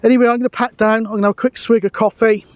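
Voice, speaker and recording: Racing along in a very high-pitched voice with little pitch movement, a middle-aged CB radio hobbyist vlogs chattily and matily from a windy hill. His camera microphone gives a clean tone with no echo, though the audio is dull.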